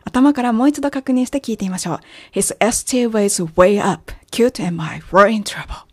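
A woman teaching English with clear, patient explanations and slow, careful example phrases; Japanese is her first language. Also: fairly high pitch, a little hiss or hum. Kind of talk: language lesson narration.

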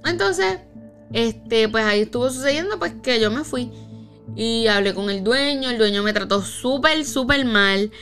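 A woman's voice: fairly high pitch, moderate pace, soft background music. A woman telling a personal story in casual chat, acting out the lines of the people she quotes. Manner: animated, acts out quoted dialogue.

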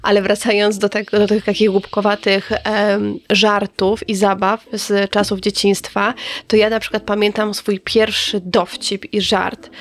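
A woman co-hosting a casual chat, thoughtful and thinking aloud with short pauses. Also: mid-range voice. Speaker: podcast co-host.

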